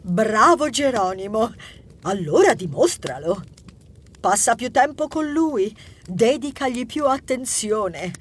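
An actress playing a gentle, wise woman at Santa's side who gives calm advice. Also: a little high, slow, husky, exaggerated voice. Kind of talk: audiobook character voice.

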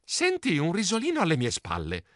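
A man reading a children's storybook aloud in a playful, animated way. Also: sits high, brisk, dry recording, studio quality. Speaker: audiobook narrator.

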